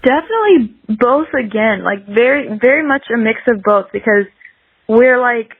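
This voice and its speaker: A young woman with a fairly high, lively voice speaks at a moderate pace, her tone slightly rough. She's a singer-songwriter appearing as a podcast guest, rambling casually and filling her sentences with "like." The dry recording sounds dull and lo-fi, like a radio line.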